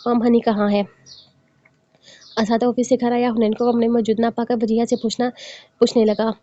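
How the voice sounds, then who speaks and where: Fast, flat woman reading a novel. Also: fairly high pitch. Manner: rapid, even reading. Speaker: novel narrator. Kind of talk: scripted audio novel narration. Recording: dull, dry close recording.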